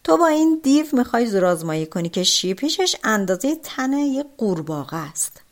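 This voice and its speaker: A huge male demon from a fairy tale, boastful and menacing, shouting his threats, voiced by a woman. The voice sits on the high side and swings widely in pitch. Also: sing-song.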